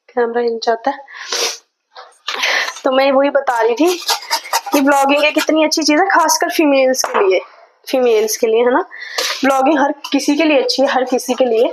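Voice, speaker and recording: A woman with a high voice talks casually to her viewers while she cooks in her kitchen. She keeps her pace slow and soft and drops English words into her talk. There is a light hiss in the background. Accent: Jammu. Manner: chatty, devotional asides, mixes English words into Hindi; tries to speak slowly and softly. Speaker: vlogger. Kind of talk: casual cooking vlog talk to camera. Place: home kitchen.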